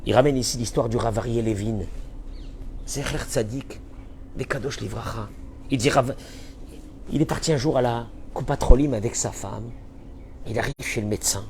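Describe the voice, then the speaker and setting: A man teaching as a rabbi in a Torah lesson. He talks emphatically, repeats his key phrases, and swings between loud and soft. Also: medium pitch, vocal fry, a little hiss or hum.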